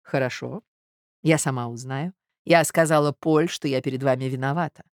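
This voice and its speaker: A woman reading aloud and voicing a scheming society lady who speaks in a painfully soft, reproachful voice. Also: very deep voice, normal speed, no echo, studio quality. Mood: softly sly.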